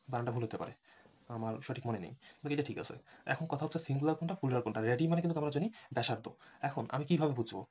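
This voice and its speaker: A quick-paced man with a medium-pitched, darkish voice teaches English in an online lecture for admission test prep. He spells words out letter by letter and keeps checking whether the class is following.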